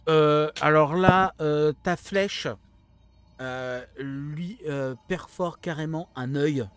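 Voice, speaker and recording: A man acting as game master, improvising narration and explaining the action in a halting way. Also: fairly high pitch, fairly bright tone.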